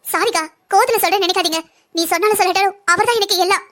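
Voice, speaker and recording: A young wife and mother from a cartoon drama, voiced by a woman who defends her husband. Her voice is very high, and she talks at a racing pace. She pleads with her family and pushes back at them by turns. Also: very fast, a bit bright. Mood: earnest. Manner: pleading yet defiant.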